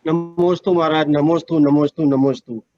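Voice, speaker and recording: A man's voice: on the high side, fairly even intonation, moderate pace, mellow. A man devotee respectfully asking a short question, on a dull lo-fi line with faint music behind. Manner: polite, brief, respectful.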